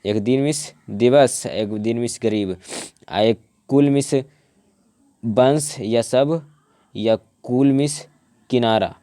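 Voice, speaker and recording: A young man teaching grammar from his notes, often repeating words and restarting, and slowing down to spell out word parts. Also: mid-range voice, mellow, no echo. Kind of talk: explaining from notes to camera.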